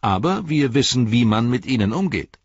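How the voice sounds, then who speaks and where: A man's voice: medium pitch, sing-song, moderate pace, breathy edge, no echo, lo-fi sound, voice pushed up. A man doing a cheeky confident hobbit. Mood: bold. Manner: bold, cheeky. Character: brisk confident young male hobbit.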